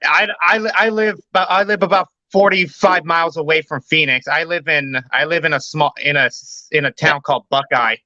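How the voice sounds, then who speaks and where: A high-pitched man from California chats casually, tripping over and repeating his words. His tone is bright and edgy. The sound is dry and a bit dull. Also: steady tone, no echo. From Bay Area, California. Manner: halting, repeats words, laughs easily. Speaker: co-host. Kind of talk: casual chat.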